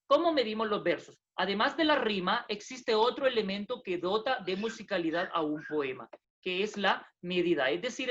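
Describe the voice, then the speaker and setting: A woman's voice: mid-range voice, a bit bright. Woman, teacher, patient recorded lesson, repeats points, checking questions, muffled lo-fi sound. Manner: patient, repeats herself, tag questions, self-corrections. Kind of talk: recorded lesson explaining poetry meter. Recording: dull lo-fi recording.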